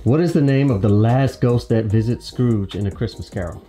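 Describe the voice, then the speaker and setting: A woman with a very deep, mellow voice reads trivia questions aloud and rules on the answers. She is matter-of-fact with a light teasing edge, and faint music plays behind her. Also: moderate pace. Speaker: quizmaster.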